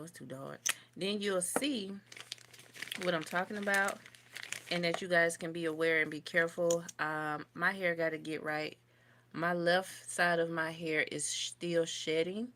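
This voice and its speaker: A woman's voice: on the low side, sharp tone, slight background noise. Chatty young woman livestreaming her makeup. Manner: chatty, reads and answers viewer comments. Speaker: beauty vlogger doing a livestream. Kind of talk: casual livestream chat while doing makeup. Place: home, indoors.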